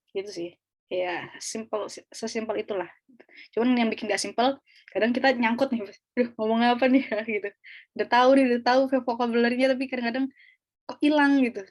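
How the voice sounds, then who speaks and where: A woman tutoring an online speaking class, explaining in a chatty, casual way with fillers and small laughs over a video call. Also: on the high side.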